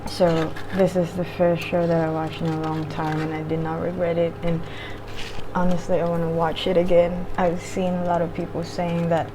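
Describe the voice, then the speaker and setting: A woman with a slightly low voice talks informally while eating, drifting from thought to thought in a casual mukbang style. She swears casually now and then, and there is clear noise behind her. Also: flat delivery, normal speed. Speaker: vlogger eating on camera while reviewing a show. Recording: clearly audible background noise.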